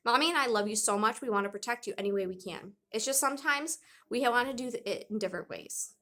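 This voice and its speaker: A woman's voice: fairly high pitch, quick pace. A woman voicing a playful, joking father in a storybook read-aloud. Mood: earnest. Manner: teasing and excitable.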